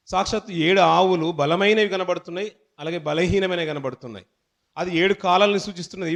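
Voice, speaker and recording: A man preaching a sermon as a pastor. He reads scripture slowly and loudly, then explains it in a conversational way, often restarting words and calling his listeners children. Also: on the high side.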